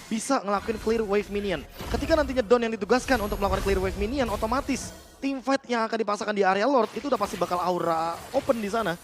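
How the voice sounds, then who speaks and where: A man working as an esports analyst. His commentary is rapid, detailed and emphatic, explaining tactics step by step, with music clearly audible behind him. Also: sits high.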